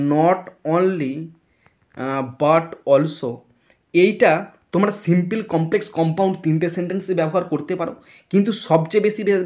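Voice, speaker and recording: A man's voice: a little high, a little mellow. A man teaching an English grammar lesson, explaining step by step, spelling words out letter by letter and checking if students follow. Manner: checks understanding with repeated questions.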